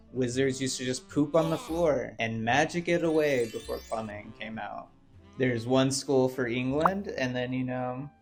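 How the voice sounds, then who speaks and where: Chatty young man doing video commentary. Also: medium pitch. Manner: chatty, conversational, with fillers and asides. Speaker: YouTuber. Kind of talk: casual video-essay commentary. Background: faint guitar music.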